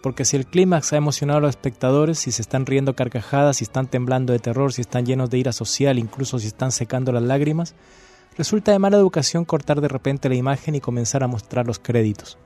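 This Chilean man has a mid-range, warm voice and talks fast, with soft music in the background. As a guest on a university radio show, he gives an impassioned dramatic reading with a repetitive cadence, then chats casually about a novel.

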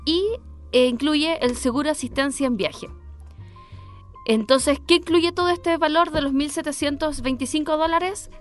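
A woman's voice: sits high, normal speed, faint music behind. A woman with a Chilean Spanish accent chatting casually on the radio as a travel agent presenting offers.

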